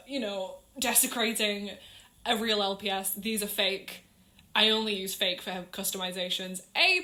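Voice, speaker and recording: A young woman narrating her crafting voiceover in a loose, rambling, self-deprecating way, her voice bright and forward. The sound is low quality, picked up on wireless earbuds, with a roomy, echoey ring around every word. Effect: low-quality audio from earbud mic. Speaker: crafting channel host.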